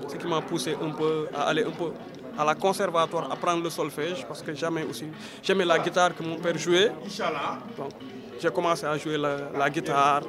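A man in his thirties from Senegal, a rapper chatting loosely in an interview and ending phrases with "quoi". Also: on the high side. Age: 30s. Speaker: rapper and reggae artist. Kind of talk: casual interview chat. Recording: outdoor crowd chatter behind.

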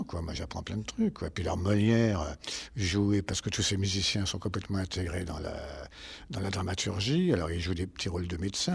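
Older guy actor w/ a deep gravelly voice, rambles and restarts a lot. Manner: rambling, halting with many restarts. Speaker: stage actor. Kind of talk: interview answers.

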